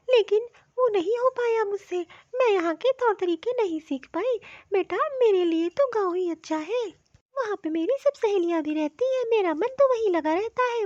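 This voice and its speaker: A woman voicing a gentle old village mother-in-law. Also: very high voice, no room sound. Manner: homely, affectionate, rustic talk. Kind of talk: cartoon voice acting. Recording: dull, dry lo-fi recording.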